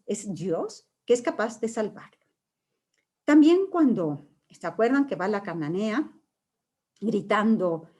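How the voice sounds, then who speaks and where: A woman's voice: medium pitch, warm tone. A woman giving a catechesis talk, explaining scripture with frequent "eh" fillers and questions to her listeners. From Mexico.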